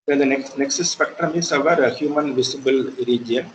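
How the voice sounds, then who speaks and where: A mid-pitched man with an Indian English accent teaches an online class at a steady, careful pace. He stops often on fillers as he works through each point. A faint hum sits behind his voice. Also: normal speed, rough recording. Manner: hesitant, many fillers. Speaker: lecturer. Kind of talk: online lecture.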